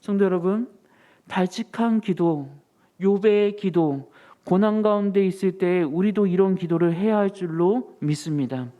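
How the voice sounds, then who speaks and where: A man preaching a sermon as a pastor, earnest and building to emphatic rises in pitch, in a church sanctuary. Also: unhurried, highs cut off.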